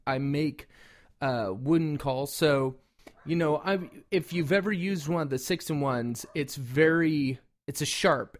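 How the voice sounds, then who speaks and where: Male reviewer, somewhat high voice, informal and loosely rambling, everyday hobbyist review delivery. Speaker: product reviewer and call maker. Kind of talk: casual product review talk.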